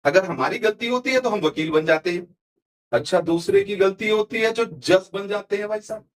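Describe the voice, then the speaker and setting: A man talking in a podcast interview as a motivational speaker, his voice sitting high and leaping up and down with great liveliness. He hammers each point with emphasis and homely examples, like a seasoned stage coach. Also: normal speed. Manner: emphatic, animated, uses punchy examples.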